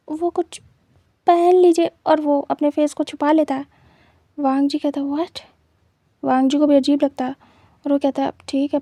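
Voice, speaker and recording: A woman reading a fanfiction story aloud in steady, even narration, mixing in English words. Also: high voice, no room sound.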